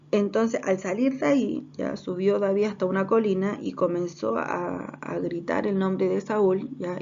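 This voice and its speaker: A woman's voice: medium pitch, a little mellow. A woman teaching a Bible class, retelling a story with frequent hesitations and checks that her listeners follow. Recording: dull lo-fi recording, faint noise.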